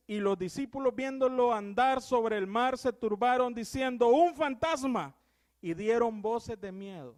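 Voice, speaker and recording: A young man with a Salvadoran Spanish accent preaching a sermon in church. He swings from loud exclamations to hushed, earnest tones. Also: high-pitched.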